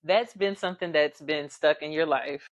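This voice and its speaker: A woman hosting a podcast interview, supportive and quick to affirm her guest. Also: sits low, no room sound. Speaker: podcast host. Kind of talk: casual interview.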